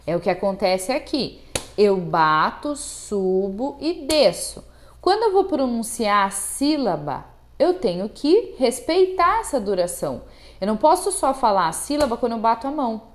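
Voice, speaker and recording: A woman's voice: on the high side, big pitch swings, normal speed. A Brazilian woman teaching music theory to students, patient and checking in often, counting and chanting rhythm syllables aloud. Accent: Brazilian Portuguese.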